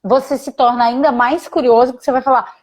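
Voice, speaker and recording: A woman's voice: high-pitched, steady tone, fast, darkish tone. A woman guest in a casual live conversation, enthusiastic and explanatory.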